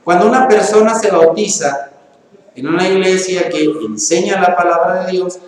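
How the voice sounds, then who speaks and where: A man preaches into a microphone in a church hall, his voice pitched fairly high for a man. He talks to the congregation like a neighbor, tossing questions at them and playing out little back-and-forth scenes. The room is very echoey with a long reverb tail over a faint background hiss. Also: normal speed. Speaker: pastor. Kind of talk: sermon. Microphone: handheld or stand microphone.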